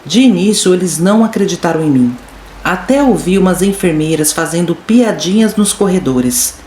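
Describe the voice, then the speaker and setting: A woman's voice: lowish voice, expressive, moderate pace, darkish tone. A woman reading a listener's horror story aloud in first person, with dramatic, suspenseful storytelling. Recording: roomy room echo with faint noise.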